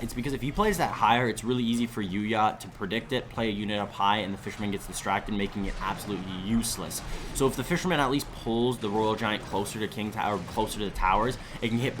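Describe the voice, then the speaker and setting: A young esports caster delivers live commentary with a lowish voice, chatting and wandering into asides between plays and getting animated when excited. Background noise is audible.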